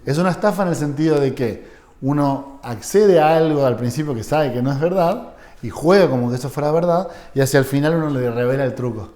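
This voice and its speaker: Guy lecturing a seminar, higher voice but mellow, keeps asking if people follow. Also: fairly quick. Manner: conversational, asks the audience for agreement, acts out short quoted dialogues.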